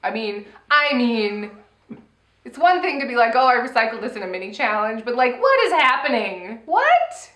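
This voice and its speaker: A woman's voice: a little high, normal speed, a bit bright. A woman co-hosting a casual review chat, talking animatedly, laughing often and acting out quoted voices. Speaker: podcast co-host. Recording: echoey room.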